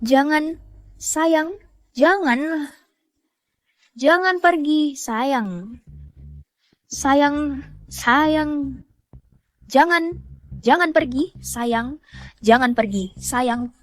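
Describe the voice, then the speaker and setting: A woman's voice: high-pitched, extremely slow, long pauses, no echo. A woman dubbing a desperate, unhinged young ex-wife who swings between shrieking threats and begging. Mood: pleading. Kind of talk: Indonesian drama dub.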